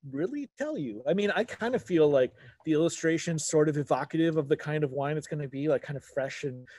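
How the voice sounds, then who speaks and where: A man's voice: on the high side, fast talker, darkish tone, dry recording. A man in his forties giving a casual, explanatory wine talk, rephrasing as he goes like a conversational teacher. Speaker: wine webinar presenter. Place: outdoors at a garden table.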